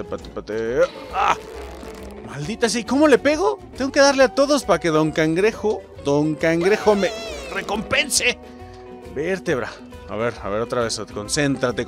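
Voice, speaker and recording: Mexican guy playing a game and cussing at it, pitch jumping all over, game music faintly behind. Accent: Mexican Spanish. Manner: excitable, swears and yells at the game. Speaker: gamer host. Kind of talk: let's play commentary.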